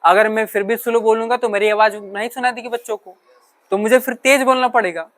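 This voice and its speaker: A man's voice: high voice, steady tone, fairly quick, a bit bright. Man teaching a class, quizzing students. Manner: asks questions and answers them himself, keeps checking understanding; mixes English terms into his talk. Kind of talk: classroom lecture.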